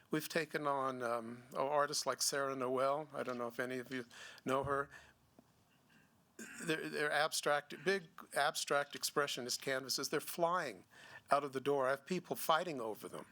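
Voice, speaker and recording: Bright-voiced man with halting speech. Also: medium pitch. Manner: halting, many restarts and fillers. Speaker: gallery owner. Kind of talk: seminar talk. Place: museum seminar room.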